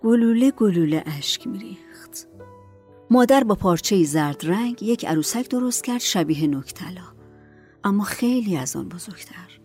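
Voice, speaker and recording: A woman narrating a dramatic story in a measured, soft manner. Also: mid-range voice, expressive, soft background music.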